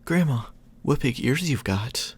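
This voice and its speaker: Guy doing a little storybook girl, higher voice, innocent n polite, exclaiming. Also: expressive, unhurried, slightly rough. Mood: wondering. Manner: bright, naive, exclaiming.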